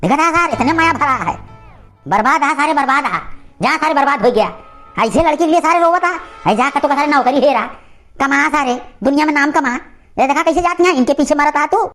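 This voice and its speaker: A woman voicing an angry old male village uncle in an animated cartoon comedy, ranting and scolding in an Awadhi accent. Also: high-pitched, fairly quick, soft background music. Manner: loud scolding, cursing rant.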